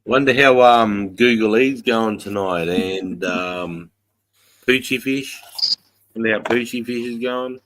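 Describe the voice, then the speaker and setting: An Australian man hosts a casual hangout. His voice sits a bit low and he talks informally, as to friends. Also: takes it slowly, a bit bright, dry recording, low-quality recording. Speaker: host of an informal online hangout. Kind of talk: casual chat.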